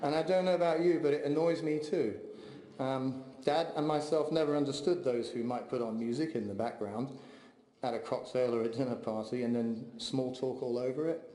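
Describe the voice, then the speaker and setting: A man delivering a heartfelt memorial eulogy for his father, speaking in a measured, steady way. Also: medium pitch. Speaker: eulogy speaker, son of the deceased. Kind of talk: memorial eulogy read aloud. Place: large memorial hall. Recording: echoey hall, long reverb.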